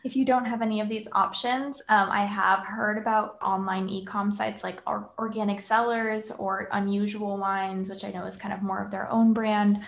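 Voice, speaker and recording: A woman's voice: mid-range voice, little pitch movement, moderate pace, vocal fry, hardly any pauses. A woman hosting a podcast, talking casually with many fillers. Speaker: podcast host.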